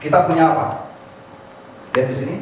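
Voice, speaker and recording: A motivational speaker addresses a large hall, his voice on the high side and a little fast, lively as he keeps calling on the audience to answer and mixes in English phrases. A crowd can be heard behind him. The far mic picks up an echoey, noisy room.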